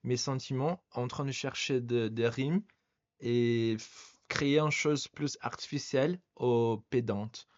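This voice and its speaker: Here a medium-pitched man, not a native French speaker, hosts a relaxed French podcast conversation, taking his time and halting often as he hunts for words. It's a dry recording with dull audio.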